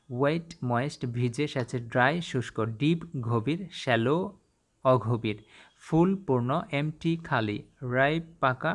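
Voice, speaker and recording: A Bangladeshi man teaches an English class at a middle pitch. He reads word after word, then gives each meaning, repeating phrases for drill. His delivery is patient and methodical. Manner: recites English words then Bengali meanings, repetitive drilling. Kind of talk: vocabulary lesson, reading word lists aloud.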